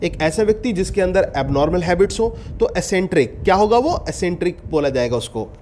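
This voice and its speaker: A man with a high, bright-pitched voice works through a vocabulary lesson. He reads each definition slowly and deliberately, then quizzes his listeners by repeating the answer. A faint background noise sits under the recording. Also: lively intonation. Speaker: English teacher. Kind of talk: exam-prep vocabulary lecture.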